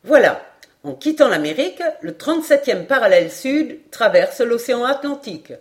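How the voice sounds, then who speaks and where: A woman reading aloud, voicing an excitable, absent-minded male geographer in a high, eager, exclaiming voice. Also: normal speed.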